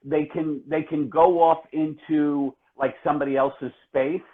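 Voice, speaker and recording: A middle-aged man hosting a casual live-stream, talking in a dry, deadpan, mock-gloomy, rambling way. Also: on the high side, a little slow, phone-quality sound.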